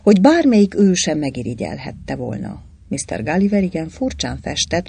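An audiobook reader narrating an adventure novel with lively, expressive delivery. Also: mid-range voice, breathy edge, no echo. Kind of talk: storybook reading.

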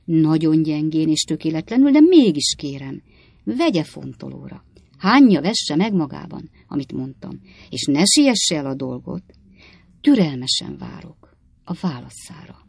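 Male narrator doing an elderly storybook lawyer, smooth persuasive pleading, slightly gravelly voice. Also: a little high, very animated, dry recording, heavily acted. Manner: long, persuasive, measured pleading. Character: scheming elderly male lawyer giving advice.

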